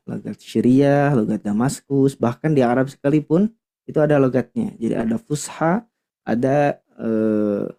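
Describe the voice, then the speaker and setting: A man teaching Quran recitation in an online class, explaining patiently and often pausing to search for the right word. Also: mid-range voice, vocal fry, dark tone.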